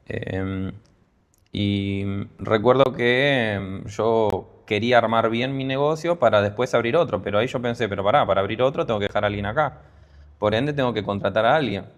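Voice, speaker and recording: A man's voice: on the low side, moderate pace. A Peruvian-born man with a Rioplatense Spanish accent, a guest telling his business story in a casual interview, full of fillers and restarts. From Peru. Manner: hesitant, many fillers and restarts. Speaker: guest entrepreneur.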